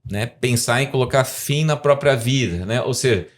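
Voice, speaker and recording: Brazilian man, 40s, podcast guest professor, talkative and explanatory, mid-pitched voice. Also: moderate pace. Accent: Brazilian Portuguese. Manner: explanatory, rambling, frequent tag questions. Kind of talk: podcast interview.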